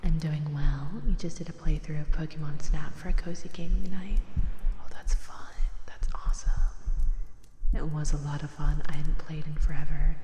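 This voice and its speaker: A woman streaming ASMR in a soft breathy whisper, talking in a cute, sweetly affectionate anime-streamer way, gentle, soothing and welcoming, close on a binaural microphone. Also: low voice, little pitch movement, normal speed, reverberant, big-room sound, noisy background.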